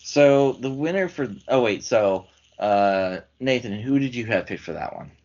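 A man's voice: medium pitch, expressive, measured pace, darkish tone, muffled recording, a little hiss or hum. A man hosting a casual chat, leading his friends through a list of categories, his voice getting worn. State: losing his voice. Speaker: podcast host.

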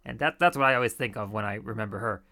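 A man's voice: fairly low pitch, fast, sharp tone. A man co-hosting a podcast, chatting casually and acting out quoted lines with laughter. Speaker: podcast co-host. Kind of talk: casual chat.

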